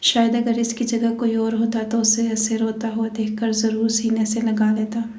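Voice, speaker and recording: A woman narrating a romantic novel aloud with an even, steady delivery. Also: on the high side, normal speed. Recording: echoey room.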